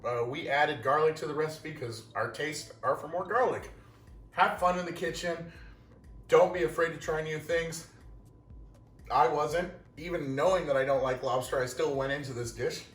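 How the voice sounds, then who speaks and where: A man's voice: fairly high pitch, normal speed, fairly bright tone. A young man hosting a casual cooking vlog, chatty and self-deprecating, talking while he eats. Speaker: cooking show host. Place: home kitchen. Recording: roomy kitchen, mic at a distance, music.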